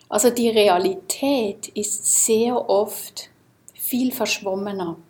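A woman from Switzerland giving a calm, reflective Dharma talk to a group in a seminar room, often asking her listeners questions. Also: medium pitch. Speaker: meditation teacher.

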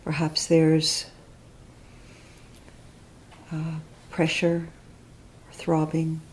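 Leading a body scan meditation, this woman teacher speaks softly and thoughtfully, taking her time and leaving long silences. Her voice sits low and her delivery is completely flat.

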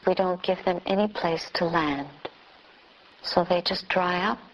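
A Buddhist nun guides a meditation in short phrases separated by long pauses. Her voice is fairly low in pitch, and the audio sounds dull.

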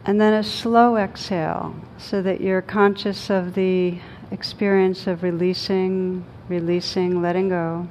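During a live group session in a room, a woman leads meditation in a calm, soothing voice, slow and marked by long pauses. The recording comes across as dull lo-fi with rumbling noise.

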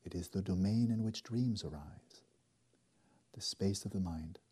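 A man guiding a meditation in a slow, soft, deliberate way, leaving long pauses between phrases. His voice sits somewhat low and is very dark and mellow, with a husky grain to it. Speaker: meditation teacher. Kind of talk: guided meditation.

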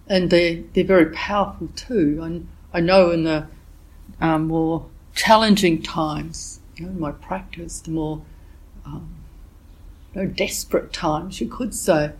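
A woman meditation teacher giving a dharma talk while she has a cold, reflective and gently searching for her words. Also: lowish voice, slightly rough, low-quality recording. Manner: reflective, unhurried, gently searching for words with frequent "yeah" and "you know". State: has a cold, voice a bit thick.

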